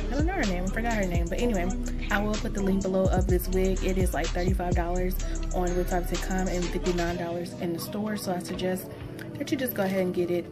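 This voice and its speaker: Young woman chatting, mouth stitched after tooth extraction. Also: medium pitch. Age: young adult. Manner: informal, rambling. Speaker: beauty vlogger. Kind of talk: casual product review chat. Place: small indoor room. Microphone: phone propped at arm's length.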